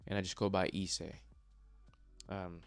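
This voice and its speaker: Faint music sits behind this young Congolese vlogger from the Democratic Republic of the Congo, who speaks English as a second language. His voice is low, level, creaky, and smooth, moving a little slowly. The motivational personal vlog feels earnest yet hesitant, with frequent fillers and restarts.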